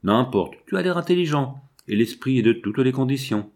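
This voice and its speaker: A man reading a storybook and voicing a cocky teenage boy with a raspy voice, breezy and mock-ceremonious. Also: mid-range voice, expressive, normal speed, darkish tone, voice pushed up, lightly acted. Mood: mock-grand.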